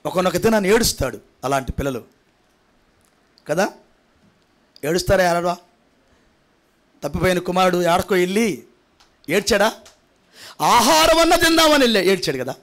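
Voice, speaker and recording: A male pastor with a notably high voice delivers a sermon, piling up repeated phrases. He drops to quiet, intimate asides and then climbs to shouted, ringing peaks. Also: very animated, normal speed, pauses often. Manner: emphatic, repetitive preaching, swinging from quiet to shouted. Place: church prayer hall.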